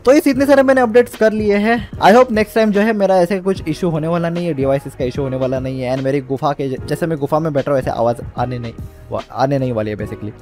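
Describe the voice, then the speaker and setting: A young man with a slightly high voice walks through his game build step by step in easy, chatty commentary. He drops English words into his sentences, with soft music behind him. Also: fast talker. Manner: explains step by step, mixes English words into speech. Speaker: gaming channel host. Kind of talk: casual gameplay commentary.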